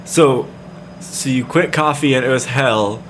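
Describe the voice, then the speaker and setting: A man's voice: medium pitch, unhurried, fairly bright tone, slight background noise. A man, a guest in a casual podcast chat, laid-back and dryly self-deprecating.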